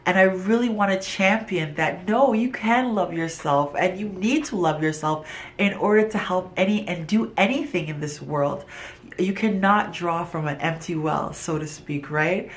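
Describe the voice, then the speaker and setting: A middle-aged woman, originally from Trinidad and Tobago, gives a heartfelt pitch for her business. Her voice sits a little low, and she speaks earnestly, sometimes restarting a phrase as she searches for the words. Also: normal speed. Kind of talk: pitch video monologue.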